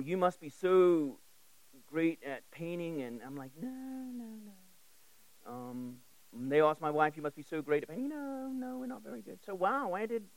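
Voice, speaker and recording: His voice sits high in a rough, dry recording as this South African preacher, originally born in England, delivers his sermon. The style is conversational yet emphatic, built on direct questions, repeated lines, and personal stories.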